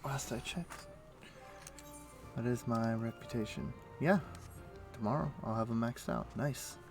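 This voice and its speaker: Over background music, a man livestreaming a video game talks to himself in brief, muttered phrases as he plays, his desk microphone picking it all up. His voice is mid-range and his pace measured, like a host giving casual gaming commentary.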